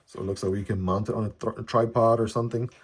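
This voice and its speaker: This reviewer, whose first language is Chinese, talks fast in a lowish, level voice while casually unboxing a product. He keeps adding "right?" to his sentences. The phone camera recording has background noise.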